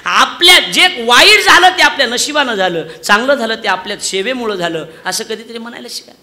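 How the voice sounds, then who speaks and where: Loud, bright-voiced comic preacher. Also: male voice, very high voice, a little fast. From Maharashtra, India. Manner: loud, animated storytelling, acting out villagers' voices. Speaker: kirtan preacher. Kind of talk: comic devotional sermon.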